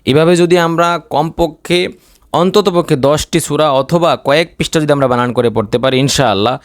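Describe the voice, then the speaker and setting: A man teaching Quran reading in Bangla, spelling out the words letter by letter and drawing out the vowels slowly. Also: on the high side, no room sound, clean studio sound. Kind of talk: spelling out Quran recitation lesson.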